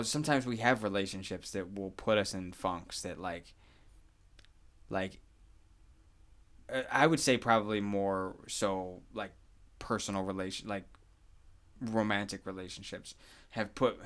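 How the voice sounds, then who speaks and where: Earnest low-voiced male podcast host. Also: fairly bright tone. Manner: reflective, earnest, lots of "like" and "you know what I mean". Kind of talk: casual podcast conversation.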